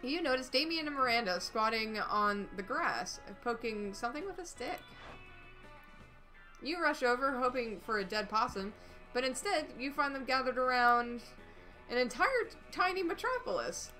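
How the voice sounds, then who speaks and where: Bright upbeat woman narrating a game. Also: high voice, expressive, normal speed, soft background music. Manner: playful, upbeat reading with dry asides. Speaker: narrator reading game text on a stream. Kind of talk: casual narration of a dating game.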